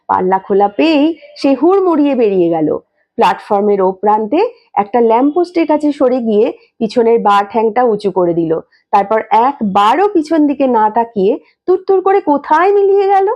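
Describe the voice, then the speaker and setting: Woman reading a story, lively and expressive. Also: fairly high pitch. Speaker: story reader. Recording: dull lo-fi recording.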